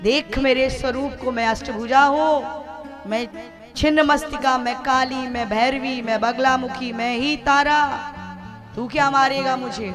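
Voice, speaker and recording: A woman's voice: sits high, fairly even intonation, a little slow. A woman voicing a fierce eight-armed mother goddess who scolds and proclaims in a thundering voice. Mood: furious scolding. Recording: instrumental music behind the voice.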